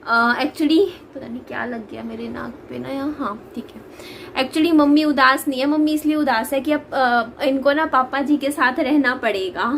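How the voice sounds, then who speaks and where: A young woman chatting casually in a family vlog, laughing often and filling pauses with lots of little hesitations. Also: high voice, gravelly, fairly bright tone, a little hiss or hum. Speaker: vlogger.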